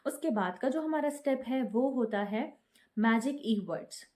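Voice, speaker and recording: A woman teaching children's phonics in a video lesson, sounding out letters slowly and patiently. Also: a little high, expressive, a little mellow.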